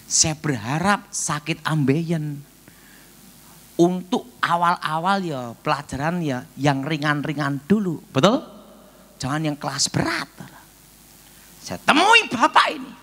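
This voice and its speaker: A middle-aged man, preaching a sermon as a pastor and telling stories with joking asides and sudden loud bursts. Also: on the high side, takes it slowly.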